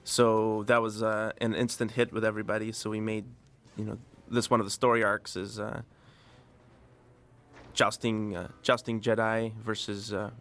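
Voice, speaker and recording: Director recording DVD commentary, rambling, lowish, flat delivery. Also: male voice, normal speed, faint music behind. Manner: relaxed, rambling, many fillers.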